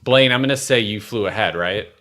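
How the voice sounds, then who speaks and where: A man with a lowish voice runs a tabletop game as its master. He narrates casually, making it up as he goes, and often stalls to find his words. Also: fairly bright tone. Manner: halting, searching for words.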